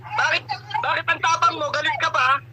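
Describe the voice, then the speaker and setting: A man's voice: extremely high pitch, steady tone, moderate pace, bright, forceful tone, a little hiss or hum, low-quality recording. A Filipino man working as a faith healer in an exorcism session, brusque and taunting.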